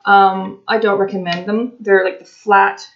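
Showing off craft journal pages from her dining room by a china cabinet, a slightly raspy woman in her forties chats and rambles, leaning on many fillers. Her medium pitch barely moves and her pace is measured. She's a craft and tarot vlogger, captured by a desk webcam in slightly dull, lo-fi audio.

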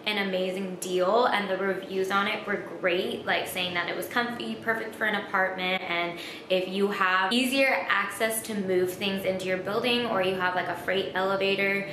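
A woman's voice: medium pitch, steady tone, normal speed. Young woman vlogger, casual storytime delivery, upbeat and chatty; roomy echo and faint hiss. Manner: chatty, upbeat, uses "like" often. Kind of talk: casual home vlog storytelling. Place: small room at home, indoors.

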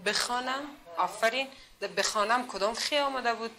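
A woman's voice: on the high side, crowd noise. A woman from Afghanistan teaching adults to read in a classroom, patiently drilling them with repeated questions. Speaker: literacy teacher.

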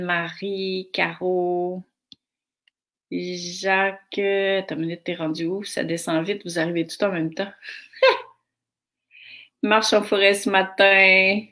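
A middle-aged woman with a Québécois French accent, hosting a live stream and chatting casually as she greets viewers by name from the comments. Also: fairly low pitch. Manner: slow, warm greetings read from comments.

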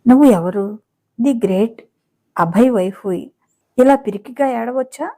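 A playful young husband teases his wife with affection in this storybook romance, as a woman narrator reads his lines. The voice is mellow and warm. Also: fairly high pitch, a little slow. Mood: teasing.

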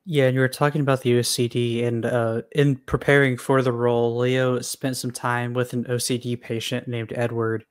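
A man's voice: medium pitch, level tone, normal speed, hardly any pauses, clear, resonant tone. A young man co-hosting a casual film review podcast, sharing trivia between fillers. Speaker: podcast co-host.

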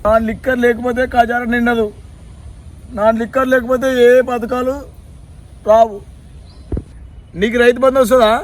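A man's voice: very high voice, little pitch movement, moderate pace, long pauses. An actor with a Telangana Telugu accent playing a man who pleads and laments at length over his beloved liquor in a village comedy sketch. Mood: lamenting. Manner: wailing, pleading, rambling complaint.

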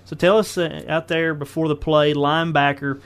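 A man hosting a local high school sports radio show, asking folksy leading questions. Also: little pitch movement, moderate pace, clear, resonant tone. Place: radio studio.

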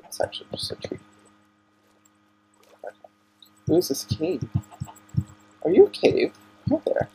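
A man's voice: fairly high pitch, wildly swooping pitch, unhurried, long pauses, warm tone, slightly rough. A young man giving casual commentary as he plays a video game at home, talking to himself and getting easily annoyed. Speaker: gaming channel host. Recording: lo-fi home recording.

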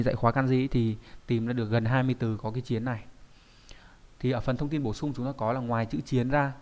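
A man teaching an online kanji lesson in a chatty, explanatory way, often pausing to check that his students follow. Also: mid-range voice, darkish tone. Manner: explanatory, with frequent checking tags. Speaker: Japanese teacher.

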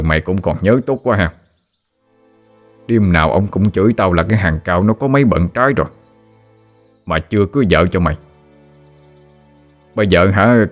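A man voicing a teasing, grumbling father near sixty. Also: deep voice.

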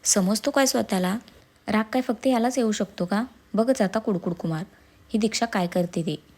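A woman voicing a reproachful, sharp-tongued young wife in a storybook reading. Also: mid-range voice, moderate pace, natural voice. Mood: fuming. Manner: reproachful, sarcastic.

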